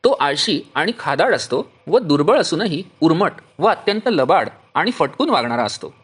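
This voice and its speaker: Husky guy reading out a long list from an old devotional text, pitch jumps around a lot, slow steady pauses. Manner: lists traits one by one with measured pauses. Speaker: reader explaining a devotional text.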